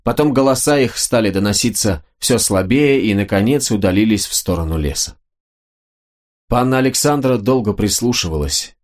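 A man narrating a historical novel as an audiobook, measured and expressive. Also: on the low side.

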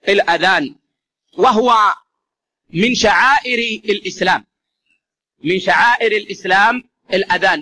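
A man's voice: high voice, pushed and bright. A man giving an explanatory religious lesson, addressing listeners as brothers and repeating key phrases for emphasis. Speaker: religious teacher.

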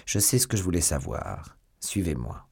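A man voicing a cold, powerful old cardinal who speaks low, hushed and measured in a storybook reading. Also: big pitch swings, vocal fry, breathy edge, full character voice. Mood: cool, guarded.

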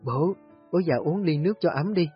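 Guy putting on a young mom voice, high, soft and pleading, husky dull lo-fi sound, faint music behind. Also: animated, a little fast. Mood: gentle. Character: young woman, a guilt-ridden new mother.

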